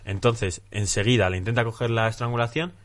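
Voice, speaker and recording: A man hosting a podcast, analyzing MMA fights in an animated, casual way. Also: mid-range voice, fairly quick, no room sound. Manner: animated, retells fights with acted-out quotes. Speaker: podcast host.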